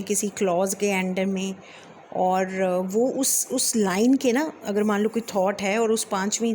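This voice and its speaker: A woman's voice: mid-range voice, darkish tone, slight background noise. A woman teacher giving a lecture, explaining step by step with many English terms and a few fillers. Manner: reads verse lines slowly. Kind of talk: Hindi lecture on English poetry.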